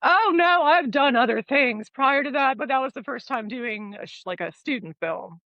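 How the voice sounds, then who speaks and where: A woman guest in an interview, speaking in a high voice with an easygoing, relaxed way of telling her stories. She laughs along readily, and the sound is dry with no room echo. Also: normal speed, lo-fi sound. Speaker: guest actress. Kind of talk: casual interview chat.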